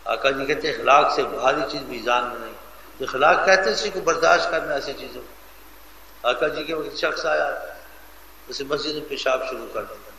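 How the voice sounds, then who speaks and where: A man delivers an animated storytelling sermon, his voice gravelly and pressed hard. He talks with emphasis. The recording echoes like a large hall, with faint ambience underneath. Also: medium pitch, slight background noise. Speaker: preacher.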